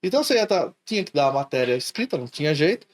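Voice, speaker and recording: Podcast guest, São Paulo-accented Brazilian man, animated storyteller, chatty. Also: fairly high pitch, very fast, slight background noise. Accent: Brazilian Portuguese, São Paulo. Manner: animated storyteller, acts out his own catchphrases. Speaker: podcast guest, logistics professional. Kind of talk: casual podcast chat.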